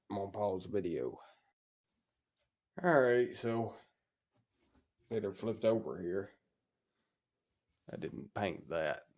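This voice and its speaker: The speaker is a man, his voice on the low side and slightly mellow, congested from a cold. He keeps his talk plain and casual as he restores an old engine, working in a cold shop warmed by a stove.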